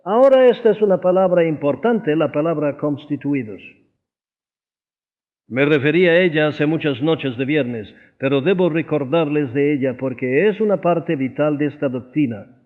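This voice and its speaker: A man's voice: on the high side, moderate pace. A man reading a sermon aloud in an earnest, explanatory way, stressing key words. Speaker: audiobook reader of a sermon. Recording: tinny phone-like audio.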